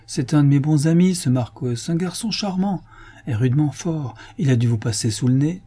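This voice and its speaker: A man reading the part of a gruff, sardonic police inspector in an audiobook, in an ironic, offhand manner. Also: a little high, moderate pace, dark tone, voice pushed up.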